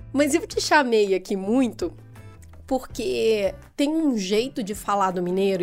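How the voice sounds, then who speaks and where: A woman's voice: fairly high pitch, darkish tone. A woman hosting a podcast, chatting casually and telling anecdotes. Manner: chatty, tells anecdotes with acted quotes. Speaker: podcast host. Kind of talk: casual chat.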